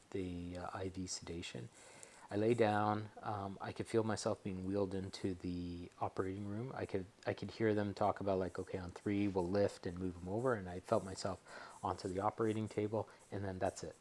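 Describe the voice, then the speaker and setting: A man talking casually and a bit hesitantly in a rambling personal vlog from his bedroom, as a patient giving a recovery update. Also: low voice. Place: bedroom at home.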